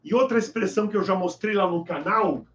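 A man's voice: high voice, a little fast, roomy sound, dull audio, a little hiss or hum. A man teaching Arabic in a chatty live online class, joking and reading viewers' names from the chat. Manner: lively, joking, reads chat names aloud.

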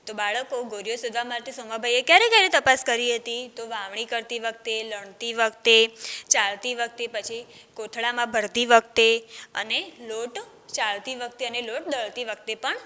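A woman teacher reads a story to young children and asks them questions as she goes. Her voice is high and bright. A long reverb trails after her words. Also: normal speed. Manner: speaks directly to children, asking them questions.

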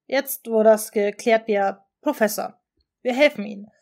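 A woman's voice: mid-range voice, measured pace, gravelly, mellow. Lady reading as an earnest young wizard guy, level-headed, audiobook.

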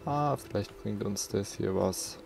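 A let's play host with a southern German accent gives casual, colloquial gameplay commentary, muttering to himself in a lowish, creaky, unhurried voice. Game music and other background noise can be heard.

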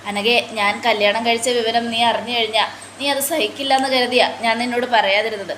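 A woman plays a cornered young husband from a TV serial, hesitant and apologetic, tripping over names. Her own fairly high voice carries him, with a roomy echo around it. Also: steady tone, brisk, fairly bright tone, slight background noise, close to an everyday voice. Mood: evasive.

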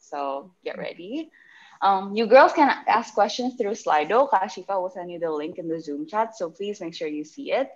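With a mid-range voice, lively intonation and a moderate pace, a young woman with an Indonesian accent emcees an online event in a relaxed, bilingual, chatty manner. She wears a face mask while on a video call from a public area. The recording is dull and muffled.

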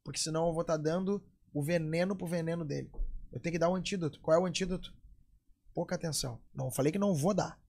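A man's voice: on the high side, fast talker, vocal fry, darkish tone. A man in his forties with a Gaúcho accent from southern Brazil, a jiu-jitsu coach talking emphatically and a bit preachily as a podcast guest. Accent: Gaúcho, Rio Grande do Sul. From Porto Alegre, southern Brazil. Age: 40s. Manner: emphatic, preachy, acts out quoted voices. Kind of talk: casual podcast chat.

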